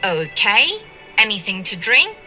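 A woman playing a bright-voiced canteen server. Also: medium pitch, big pitch swings, soft background music, heavily acted. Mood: friendly. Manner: clear and deliberate. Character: friendly woman serving in a canteen. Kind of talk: scripted textbook audio.

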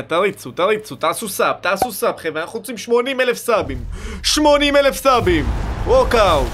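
A young man giving excited, slangy commentary while opening game packs, pleading for good cards and shouting at big pulls. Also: fairly high pitch. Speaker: gaming YouTuber. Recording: music playing underneath.

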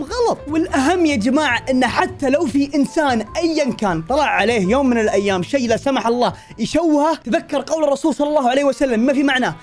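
Rapid-fire excitable Saudi young man. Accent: Saudi Arabic. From Saudi Arabia. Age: 20s. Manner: excitable, jokey, swings between high and low tones. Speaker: YouTuber reacting to videos about himself. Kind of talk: casual reaction commentary.

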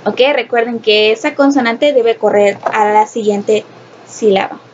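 A woman's voice: fairly high pitch, a little slow. A woman teaching an English phonics lesson, explaining step by step, repeating herself and asking rhetorical questions, switching between Spanish and English. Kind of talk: recorded classroom lesson. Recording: dull lo-fi sound with faint noise.

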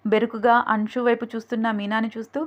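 A woman storyteller narrating her own romance story in a steady, even way. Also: a little high, fast, dull audio. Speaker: storyteller and writer.

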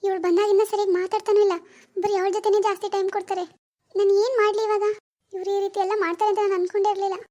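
A woman's voice: very high voice, flat delivery, racing, mellow. A woman acting as a young wife who suspects her husband, wondering aloud in an anxious, questioning way. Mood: hurt. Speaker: actor in a family web drama. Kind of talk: amateur family drama acting.

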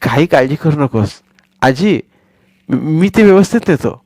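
A cheeky, mischievous little schoolboy, as a male storyteller puts him on. His voice sits raised and eager, quick and sly, in a dry, close audiobook recording. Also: fairly high pitch, lively intonation, darkish tone, dry recording, voice pushed up.

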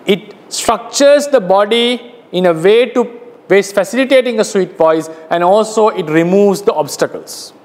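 A man with a Sri Lankan accent teaching a lecture as a Buddhist monk, speaking slowly and explaining step by step, with pauses and self-corrections. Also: high voice, big-room sound.

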